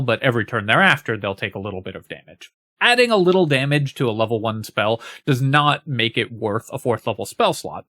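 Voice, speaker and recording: A man's voice: mid-range voice, fairly bright tone, dry recording, clean studio sound. A man giving a casual, analytical spoken breakdown for a game guide, talking steadily with frequent fillers.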